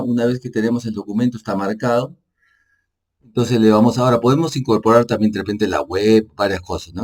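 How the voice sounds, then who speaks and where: In an unscripted software tutorial shared on screen, an energy manager with Spanish as his first language explains things in a casual, unhurried way. His voice is deep and low with a dark, mellow tone. The narration is halting, with self-corrections, frequent "pues," and little "¿no?" check-ins.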